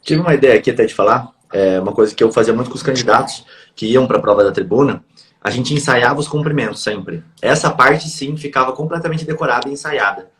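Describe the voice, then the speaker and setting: A man with a Brazilian Portuguese accent, hosting a podcast and sharing practical anecdotes quickly. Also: medium pitch, fairly bright tone. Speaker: podcast host, criminal lawyer. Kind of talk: podcast conversation. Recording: roomy echo.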